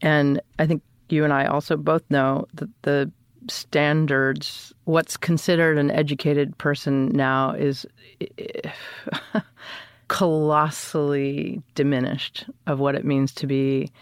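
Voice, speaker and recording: A woman's voice: low-pitched, little pitch movement, slow pace, clear, resonant tone, no echo, clean studio sound. A woman talking casually as an interview guest, blunt and opinionated, often acting out imagined remarks.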